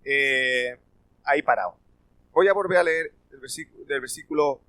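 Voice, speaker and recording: A man's voice: medium pitch, fairly bright tone, dry recording, rough recording. Dry, plain-voiced man teaching Bible study. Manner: reads scripture slowly, checks in with listeners often.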